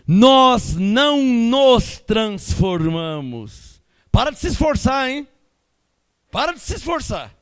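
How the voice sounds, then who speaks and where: A Brazilian Portuguese–accented man preaches as a pastor, taking it slowly in a very high, clean-toned voice. His sermon is emphatic and animated, shifting from loud outbursts to quiet asides.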